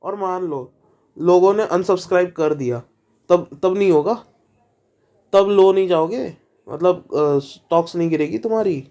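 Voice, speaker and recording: A man's voice: high voice, a little slow, warm tone. A man hosting a reaction video, talking casually and skeptically, asking questions with lots of fillers and restarts.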